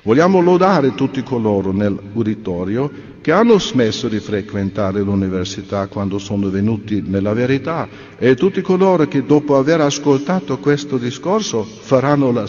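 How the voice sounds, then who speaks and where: Slow earnest man giving a sermon. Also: medium pitch, darkish tone. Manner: earnest, measured, rhetorical questions. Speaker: speaker at a religious convention. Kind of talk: delivered sermon. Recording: dull reverberant recording.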